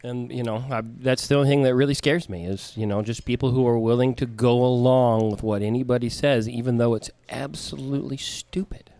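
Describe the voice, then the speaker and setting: A man's voice: mid-range voice, steady tone, a little fast, few pauses, warm tone. A man on a podcast panel, talking casually and hesitantly with many fillers. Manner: hesitant, many ums and uhs.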